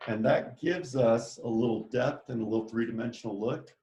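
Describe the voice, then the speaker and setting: A man's voice: medium pitch, normal speed, warm tone. A man teaching a children's art lesson, talking chattily and enthusiastically as he walks them through each step. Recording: echoey room.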